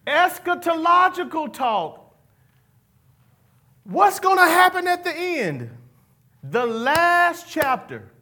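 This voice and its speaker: A pastor's high, bright voice moves in a sing-song way, slowly and with long pauses, as he preaches. He gets the congregation calling back to him and adds folksy asides between lines.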